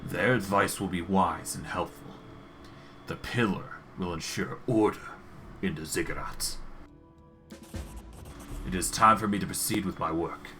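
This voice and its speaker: An ancient undead lich played by a man, lording it over a student in a fantasy game. The voice is low and deliberate, grandiose and commanding, with a malicious, self-satisfied temper. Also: pushed and bright, faint music behind. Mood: gleeful, proud. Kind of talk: fantasy game role-play.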